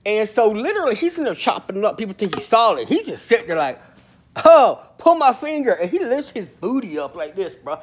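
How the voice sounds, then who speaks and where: Animated husky man, telling funny prison stories in slang, big swings in pitch. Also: quick pace, few pauses. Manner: animated, swings loud and soft, slangy with constant "bro". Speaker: storyteller about prison life. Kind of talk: comedic storytelling monologue.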